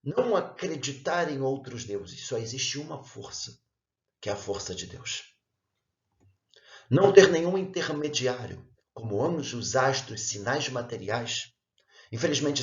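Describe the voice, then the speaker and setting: A man's voice: medium pitch, lively intonation, highs cut off. Earnest man teaching in a roomy space. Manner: measured, earnest, explains point by point. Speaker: religious teacher. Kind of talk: explanatory religious lesson.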